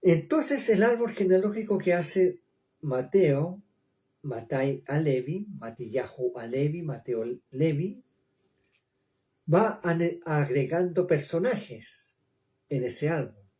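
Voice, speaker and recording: Man, Bible teacher, verse-by-verse study, very slow, mellow, slightly high voice, repeats words, checks in often. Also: expressive. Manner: reads Hebrew names slowly, then explains in Spanish.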